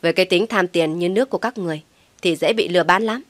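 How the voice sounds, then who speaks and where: A woman's voice: lowish voice, fast talker, no echo, lightly acted. A woman voicing a spiteful, mocking young daughter-in-law who speaks with scorn. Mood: sneering. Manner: sneering, scornful.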